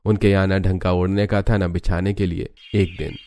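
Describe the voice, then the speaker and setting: A man narrating a cartoon moral story in a steady, matter-of-fact way. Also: deep voice, normal speed.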